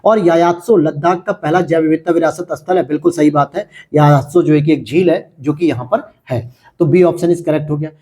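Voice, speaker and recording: A man's voice: fairly high pitch, brisk, mellow. A man teaching and going over test questions, talking straight to students and asking and answering his own questions. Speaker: exam-prep teacher.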